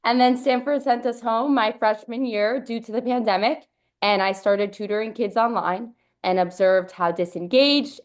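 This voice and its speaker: A woman's voice: mid-range voice, smooth. A young woman, founder and CEO of a company, giving an upbeat, fluent webinar presentation over a video call, with an occasional "um". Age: young adult.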